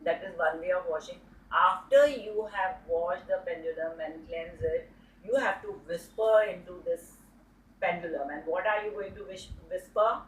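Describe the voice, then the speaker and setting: A woman's voice: lowish voice, normal speed. Woman teaching from across an echoey room. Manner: explains step by step, repeats phrases. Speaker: dowsing teacher. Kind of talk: spoken tutorial. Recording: roomy sound from a distant mic.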